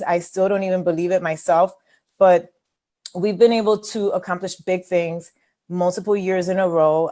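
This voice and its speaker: A woman coach from New York City leads a casual webinar talk in a candid, chatty style full of fillers. Her voice sits on the low side with a darkish tone.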